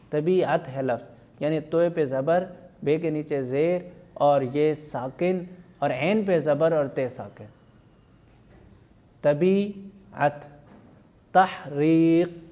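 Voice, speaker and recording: A male teacher giving an online language lesson, drilling pronunciation slowly and repeating each word. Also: on the high side, dark tone. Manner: slow, careful dictation of words and vowel marks.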